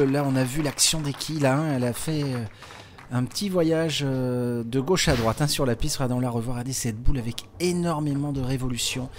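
A man's voice: mid-range voice, a little hiss or hum. A man giving live bowling commentary, chatty and explanatory, with many small fillers. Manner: chatty, explanatory, with frequent hein and euh fillers.

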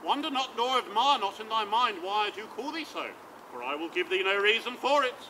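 A man on an open-air stage playing a boisterous, scheming old knight who talks in a loud, swaggering, theatrical way. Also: high voice, expressive, a little fast. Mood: mocking. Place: outdoor stage. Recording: outdoor recording with traffic noise.

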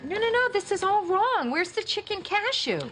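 An actress in her thirties playing a sharp, indignant sitcom friend. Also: extremely high pitch, very animated, normal speed, over loud music. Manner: indignant, emphatic. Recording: sitcom audio with loud audience laughter.

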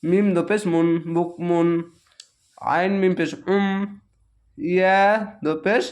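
A man teaching Quran reading in a Bangladeshi Bengali accent, spelling each syllable slowly and patiently in a drawn-out recitation. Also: high-pitched, fairly even intonation. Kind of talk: slow letter-by-letter spelling lesson.

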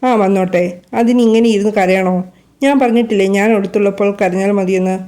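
A young man in a storybook romance, soft and teasing with his sweetheart, voiced by a woman narrator. The voice stays mellow and warm, unhurried and close. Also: medium pitch, close to an everyday voice. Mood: soothing. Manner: affectionate, playful.

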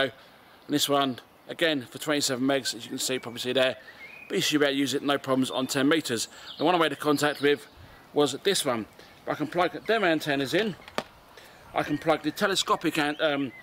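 Slightly high and fairly bright in tone, this voice belongs to a man in his forties with an English accent who hosts amateur radio videos. He demonstrates equipment in a relaxed way out in a garden and along a street, recorded on a camera mic at arm's length or beyond, with outdoor noise in the audio.

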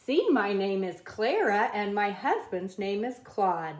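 A woman reading a children's picture book aloud at a table, in a slow, careful read-aloud cadence. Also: mid-range voice, big pitch swings, roomy sound. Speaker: reader. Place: indoors at a wooden table.

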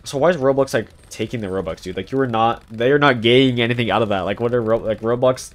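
A man's voice: medium pitch, fast. A young man streaming a co-op tower defense game live, chatting loosely with his chat and friends, full of "like" and restarts. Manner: rambling, filler-heavy, talking to chat. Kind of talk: casual live gameplay commentary.

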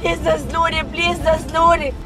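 Panicked high-pitched Lebanese woman pleading. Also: steady tone, quick pace, over music, crowd noise. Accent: Lebanese Arabic. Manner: frightened pleading, mixing in English. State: panicked, shaken. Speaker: prank show guest.

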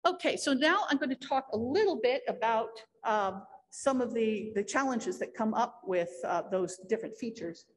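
A woman's voice: on the high side, lively intonation, normal speed, hardly any pauses. Woman giving a technical conference talk. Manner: explanatory, with frequent fillers and restarts. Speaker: conference speaker. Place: lecture hall.

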